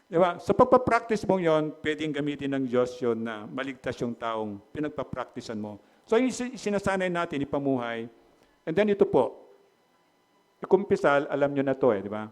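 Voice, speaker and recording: A man's voice: on the high side, sing-song, normal speed. Male preacher, conversational and lightly joking, checks in with the flock often. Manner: conversational, asks the congregation "di ba?" often; jokes lightly with the congregation. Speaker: pastor. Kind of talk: sermon with closing prayer.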